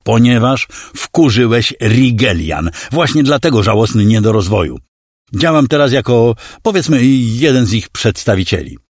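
A man's voice: medium pitch, expressive, normal speed, husky, dry recording, studio quality. A man voicing a cruel male alien clone villain who mocks and threatens in a condescending, menacing way. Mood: mocking menace. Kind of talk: audiobook character voice.

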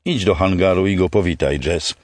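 A man voicing a calm, commanding starship captain. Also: deep voice, moderate pace, no room sound, clean studio sound, natural voice. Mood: steady. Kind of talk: audiobook character voice.

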